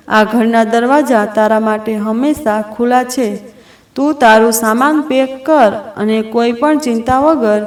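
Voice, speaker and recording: A woman's voice: fairly high pitch, far from the mic, natural voice. A woman voicing a domineering older mother-in-law who scolds and commands, in a roomy recording. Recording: roomy echo.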